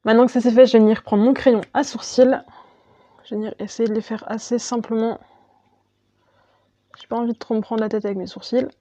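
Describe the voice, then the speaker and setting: A woman's voice: fairly high pitch, little pitch movement, a little fast, pauses often, warm tone, no echo, dull audio. A woman talking through her makeup step by step as a beauty vlogger, chatty and casual. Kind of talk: makeup tutorial voice-over.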